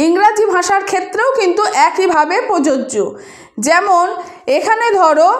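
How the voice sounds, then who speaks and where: A woman's voice: very high-pitched, roomy sound. A woman teacher patiently explaining a grammar lesson to students, often asking them questions. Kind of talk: spoken Bengali grammar lesson.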